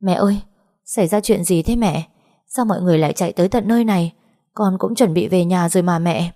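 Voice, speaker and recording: A woman's voice: on the low side, a little fast, dark tone, lightly acted. A woman reading a composed young village teacher. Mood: worried.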